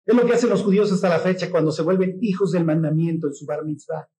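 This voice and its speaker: A man with a Mexican accent preaching a sermon in a lively, joking way, often acting out the voices of the people in his stories. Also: fairly high pitch, quick pace. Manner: mimics voices in quotes. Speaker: pastor.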